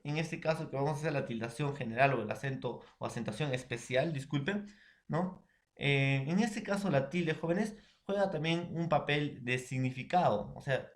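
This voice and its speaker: A man teaching in a higher voice. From Peru. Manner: keeps checking in with listeners, explains step by step. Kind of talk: classroom explanation.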